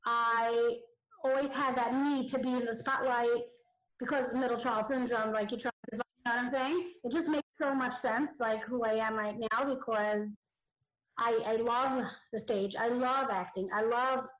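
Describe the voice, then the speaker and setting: A fairly high-voiced woman comedian talks loosely as a podcast guest, leaning on "like" and "you know what I'm saying." Her side of the call sounds muffled and warbly, as though she were underwater. The garbled remote audio also rings with a roomy echo. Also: fairly even intonation, normal speed. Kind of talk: casual interview chat.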